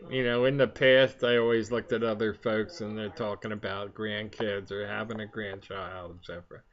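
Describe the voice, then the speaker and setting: An older man chatting casually in a rambling, halting way, talking around the pipe he is puffing on. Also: lowish voice, flat delivery. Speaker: vlogger. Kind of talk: casual chat to camera. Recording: dull, lo-fi sound.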